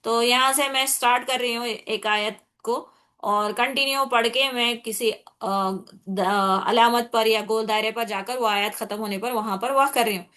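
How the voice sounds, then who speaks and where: Bright-voiced woman teaching Quran recitation. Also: on the high side, fairly even intonation. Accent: Hyderabadi Urdu. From India. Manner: patient, repeats points often, checks in with "thik hai"; breaks into slow recited Arabic examples. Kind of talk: explaining tajweed rules in a class.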